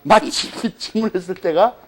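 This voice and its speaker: A man's voice: high-pitched, slight background noise. A man giving a law lecture as a story, acting out the dialogue and tagging sentences with "eh?". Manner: animated storytelling, acts out dialogue, frequent "eh?" tags.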